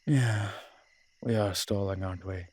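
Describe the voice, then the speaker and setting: Here the same husky-voiced man plays the immortal incubus, flirtatious and wry, keeping his delivery dry, teasing and chatty. His voice is lowish and darkish, the pace measured, and he comes across as wry and stalling.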